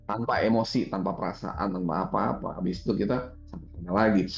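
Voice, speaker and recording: Brief: man, gravelly, relaxed teacher voice, slightly dull roomy recording. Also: low-pitched, brisk, soft background music. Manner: relaxed, chatty, laughs often, peppers talk with "gitu". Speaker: spiritual teacher. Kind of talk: casual conversational teaching.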